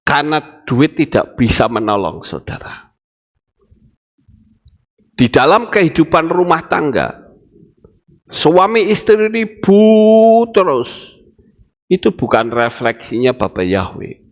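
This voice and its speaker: A man with a Javanese accent preaching a sermon as a pastor, acting out dialogue with a preachy, animated delivery. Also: fairly high pitch, takes it slowly, long pauses. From Indonesia.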